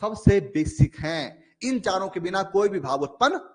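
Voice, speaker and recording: High-voiced man teaching a lively class. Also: normal speed. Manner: explains with everyday examples, keeps asking "ठीक है?"; acts out little inner dialogues in a lowered voice. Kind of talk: online exam-prep lecture.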